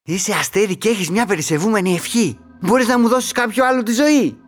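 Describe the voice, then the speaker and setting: A man's voice: sits high, soft background music. A man voicing a shy, sad little onion in a children's audio story, talking timidly and plaintively. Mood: hopeful.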